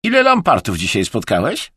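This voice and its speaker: A man voicing a calm, cryptic male Chinese shaman with a high, sly, drawn-out manner. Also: husky, no room sound, clean studio sound, heavily acted.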